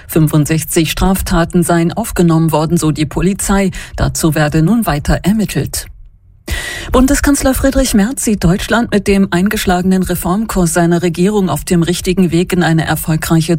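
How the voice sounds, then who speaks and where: Woman, radio news presenter, even formal reading, low-ish voice, dry close mic. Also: normal speed, no echo.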